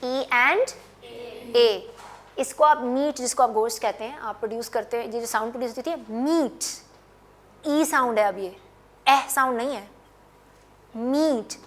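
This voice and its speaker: Woman teacher, fairly high voice, drawn-out emphatic repetition, phonics lesson. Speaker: English teacher.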